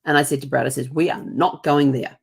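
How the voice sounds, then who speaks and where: Her voice is very deep and slightly rough, with vocal fry, and she talks briskly. She's a middle-aged host from New Zealand whose accent blends Kiwi and American, rambling chattily through travel stories full of ums, restarts and impressions of other people's voices.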